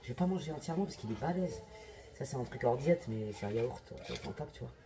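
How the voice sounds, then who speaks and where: A young lifestyle vlogger chats straight to her viewers in a casual, slangy, exclamatory style. Her bass voice is expressive and fast, with crowd noise in the background.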